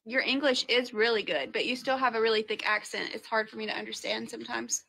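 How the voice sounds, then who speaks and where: A woman's voice: fairly high pitch, fast, creaky, bright, forceful tone, rough recording. A young woman from Tennessee, chatting casually and politely, with some amusement, on a video call. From Tennessee, USA.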